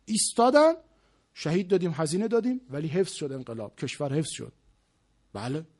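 A male preacher giving an impassioned religious sermon, firing off rhetorical questions and swinging from low murmurs to loud exclaiming. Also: expressive.

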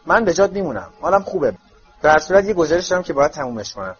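A man's voice: fairly high pitch, very animated, husky, dull audio, faint music behind, heavily acted. A man doing a kind middle-aged wizard dad. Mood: reassuring. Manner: encouraging.

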